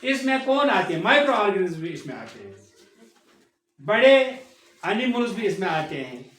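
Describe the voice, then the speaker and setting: A man's voice: sits high, very animated, moderate pace, fairly bright tone. A male science teacher lectures a class, repeating key words and prompting students to say them back. He is recorded from across an echoey room, his voice distant and reverberant.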